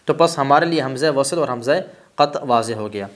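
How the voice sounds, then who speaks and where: A man teaching an Arabic grammar lesson, who keeps asking rhetorical questions and then answers them himself. He slows down to spell out each example word. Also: mid-range voice, fairly bright tone.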